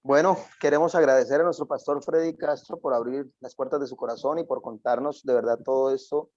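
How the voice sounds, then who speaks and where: A man's voice: mid-range voice, fairly even intonation, fairly quick, darkish tone, no room sound. A co-host giving grateful, reflective closing comments and repeating phrases as he goes. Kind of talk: closing comments on a talk show. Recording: dull, lo-fi, dry sound.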